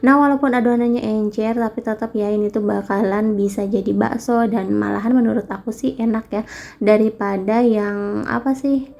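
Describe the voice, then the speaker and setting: A woman's voice: moderate pace, creaky. A young woman talking casually through her home cooking, full of fillers, speaking in a kitchen. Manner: chatty, relaxed, many fillers and tag phrases. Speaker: vlogger. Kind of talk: casual cooking vlog narration. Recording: faint background noise and rumble.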